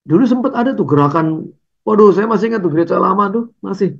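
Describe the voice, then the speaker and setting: A man's voice: high voice, quick pace, creaky, husky, dull audio. A man preaching a conversational sermon over slides, tagging his phrases with "ya" and "gitu".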